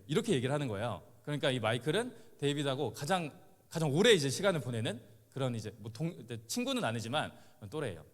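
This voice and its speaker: A man in his thirties gives testimony from the pulpit. He talks in a loose, chatty way with fillers and little laughs, at a middle pitch. The hall around him leaves a long, trailing reverb. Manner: conversational, with many filler sounds and chuckles. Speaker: missionary. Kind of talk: sermon testimony to a congregation.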